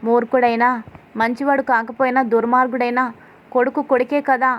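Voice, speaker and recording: Woman narrator doing a soft, coaxing mother-in-law, middle-aged and caring. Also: on the high side, little pitch movement, fairly quick, highs cut off, lightly acted. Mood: tender.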